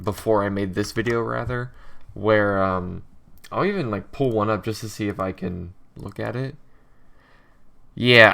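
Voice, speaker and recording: A young man, just up from a nap and still a little drowsy, talks his way through writing code. His voice sits fairly low, and he speaks in halting bits, often stopping to correct himself. Keyboard typing clicks away behind him at his desk mic. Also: fairly bright tone. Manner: thinks aloud, self-correcting, halting with many pauses. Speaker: game developer coding tutorial host. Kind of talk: casual screen-recorded coding commentary.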